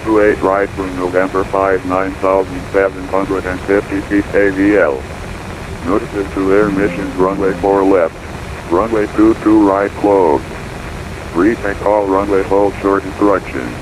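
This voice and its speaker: A man's low, level voice plays as an automated airport weather broadcast over a noisy radio channel, with a cockpit hum behind it. He reads the runway notices and weather in an unbroken monotone. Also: unhurried. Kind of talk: recorded airport information broadcast.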